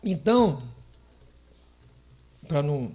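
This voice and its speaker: A man's voice: fairly high pitch, sing-song, slow, warm tone. A man from Brazil giving a chatty, playful spiritist lecture, laughing often and putting questions to his audience. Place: lecture hall of a spiritist center.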